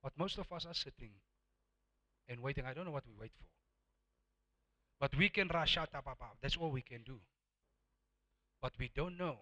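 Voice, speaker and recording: An emphatic sermon is preached by a South African man with Afrikaans as his first language, who repeats words for effect and swings from quiet to loud. He speaks in a mid-range voice at a moderate pace with long pauses, and the audio quality is poor.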